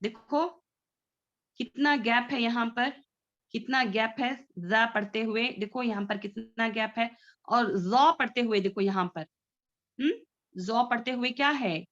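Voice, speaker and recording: A woman's voice: fairly high pitch, a little slow, a bit bright, lo-fi sound. A woman teaching a Tajweed recitation class, patiently drawing out letter sounds and often checking that students follow. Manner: frequent checks for understanding.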